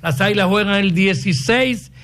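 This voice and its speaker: A Dominican man co-hosting a sports radio show, reading scores in quick bursts and trading jokes with his co-hosts. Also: high voice, fairly bright tone. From Dominican Republic. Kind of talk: lively sports radio banter.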